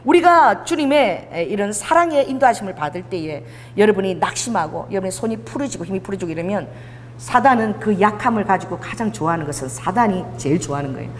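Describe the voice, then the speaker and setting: A middle-aged woman pastor delivering a lively sermon, leading the congregation to repeat after her and acting out quoted voices. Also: medium pitch, fast talker, a little hiss or hum. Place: church sanctuary. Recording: long church reverb.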